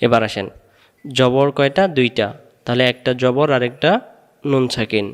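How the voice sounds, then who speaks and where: A man teaching an online Quran reading lesson, drilling letters and vowel sounds slowly and patiently, asking questions and answering them himself. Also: medium pitch, fairly even intonation, clean tone. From Bangladesh. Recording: long hall reverb.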